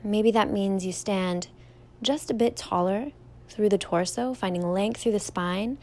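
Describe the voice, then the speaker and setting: Guiding a standing meditation, the young yoga teacher uses a mid-range voice. Her pace is slow and her manner gentle and soothing, with words drawn out softly.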